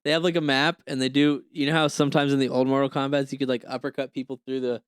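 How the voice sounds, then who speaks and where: Male podcast co-host, laid-back, laughs a lot, mid-pitched, dry close mic. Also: level tone, fast, clean tone, no echo. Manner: laid-back, laughs often, swears freely. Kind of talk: casual comedic chat.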